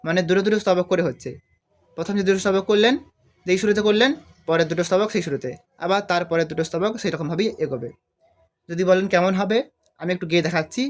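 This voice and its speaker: A man teaching a devotional song on harmonium, explaining the notes step by step and singing drawn-out phrases. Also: sits high. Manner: explains slowly, then sings drawn-out phrases. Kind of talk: step-by-step music tutorial. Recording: harmonium loud under the voice.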